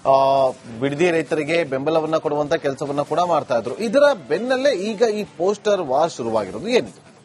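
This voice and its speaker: A man anchoring a news broadcast, reading with forceful emphasis. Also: fairly high pitch, a little hiss or hum. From Karnataka, India.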